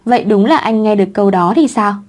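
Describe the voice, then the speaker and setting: A woman voicing a sharp-tongued young wife in a read-aloud story, in her own plain voice. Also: medium pitch, expressive, quick pace, natural voice. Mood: coy.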